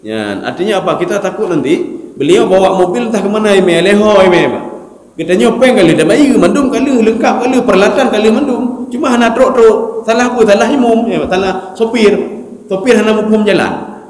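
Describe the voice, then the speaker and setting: A male preacher giving a study sermon in a mosque, animated and joking, acting out mumbled recitation. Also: high-pitched, a little fast. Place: mosque hall. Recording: echoey mosque hall.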